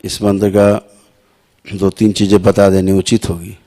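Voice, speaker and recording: धीमी, गहरी आवाज़ वाला आध्यात्मिक गुरु, भक्तों को समझाते हुए. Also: male voice, on the low side, level tone, dark tone. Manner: deliberate, repeats sounds to demonstrate pronunciation; asks listeners "है ना" and "समझ रहे हैं आप". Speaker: spiritual teacher. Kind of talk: slow spiritual instruction to devotees.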